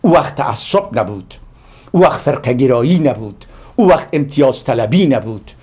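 A man's voice: mid-range voice, animated, darkish tone, husky. Impassioned man with an Afghan Dari accent. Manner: rhetorical, building lists with repeated phrases. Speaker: guest speaker on a community TV program. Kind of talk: impassioned speech.

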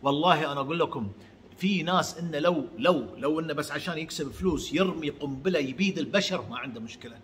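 A man giving a heated religious monologue, swinging between shouts and low mutters. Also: fast talker, a little hiss or hum. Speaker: channel host.

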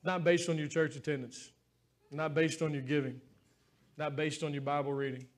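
A man's voice: fairly high pitch, little pitch movement, normal speed. A man preaching a sermon as pastor in a church, talking in an earnest, heartfelt, conversational way.

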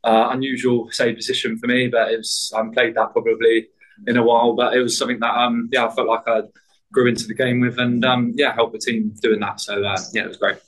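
A soccer player giving hesitant post-match answers to the press, full of fillers and restarts. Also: male voice, medium pitch, little pitch movement, fast talker, a bit bright, low-quality recording.

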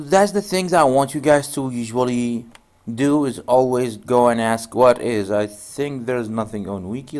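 A networking instructor whose native language is Arabic talks through a screen-recorded tutorial. His speech is loose and rambling, full of restarts, and his voice is medium in pitch and a little mellow.

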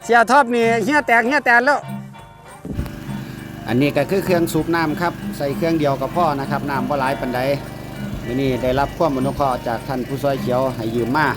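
A man's voice: fairly high pitch, fast talker. Male vlog host, Northeastern Thai accent, exclamatory casual commentary, music over the voice. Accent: Northeastern Thai (Isan). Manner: exclamatory, repeats words. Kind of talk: casual running commentary to viewers. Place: outdoors at a rural pond.

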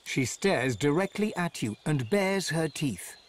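A dramatic game storyteller. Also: male voice, a little high, a little slow. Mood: calm. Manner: expressive, dramatic. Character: male storybook narrator, vivid. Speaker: game narrator. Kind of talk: scripted game narration.

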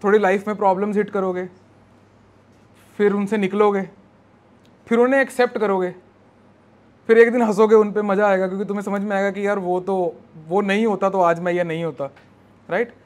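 A high-pitched male teacher lectures in a mix of Hindi and English, switching between the two. He slows down to spell out terms and keeps checking in with his students. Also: fairly even intonation. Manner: mixes Hindi and English, spells words out slowly, checks with "right?". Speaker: exam prep teacher. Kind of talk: recorded classroom lecture.

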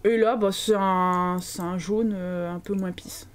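A woman's voice: on the low side, steady tone, a little slow. A young French woman commenting live on her game, chatting and joking with her viewers. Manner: chatty, joking, reads chat aloud. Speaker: streamer.

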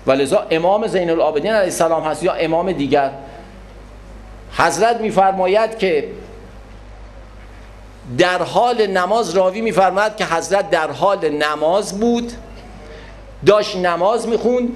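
A man giving a religious lecture on prayer, animated, acting out people in little scenes. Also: sits high, long pauses, slight background noise. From Iran. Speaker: Quran scholar and lecturer.

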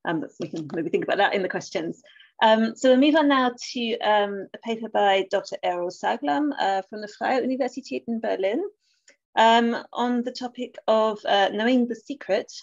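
A woman's voice: a little high, moderate pace. A woman with an Essex accent chairing an academic webinar over a video call, hesitant, with many fillers and restarts. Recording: dull lo-fi call audio.

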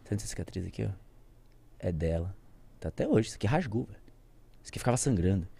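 A man with a Brazilian Portuguese accent, a podcast guest telling an emotional story with conviction, shifting from loud outbursts to near-whispers. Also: lowish voice, big pitch swings, fast, vocal fry, husky. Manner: speaks with conviction, addresses viewers directly.

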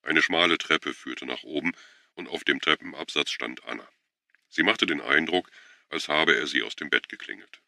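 A man narrating an audiobook in a steady, measured way on a close studio mic. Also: very deep voice, vocal fry, dry recording. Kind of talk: scripted narration.

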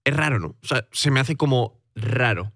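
A man's voice: mid-range voice, animated, vocal fry, a bit bright, dry recording, clean studio sound. A man from chatting on an esports podcast, searching for words and restarting mid-sentence. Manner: quick, searching, trails off and restarts. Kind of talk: casual esports podcast chat.

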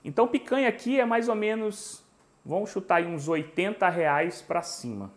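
Speaking at a moderate pace in a high-pitched voice, a Brazilian Portuguese-accented man in his forties runs a live cooking stream from his kitchen at home. He's chatty and jokes with his viewers, storytelling animatedly into a lapel mic.

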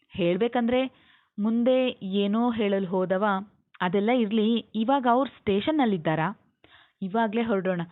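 A woman's voice: medium pitch, lightly acted. A woman reading as a stern young male doctor. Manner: scolding, pressing questions. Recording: tinny phone-like sound.

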